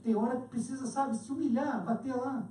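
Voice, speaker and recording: Brazilian woman, preacher, animated sermon, warm tone, roomy church echo. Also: high voice, brisk, a little hiss or hum. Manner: animated, addresses listeners as "querido", acts out scenes. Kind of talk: lively sermon. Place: church hall. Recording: roomy hall from far off.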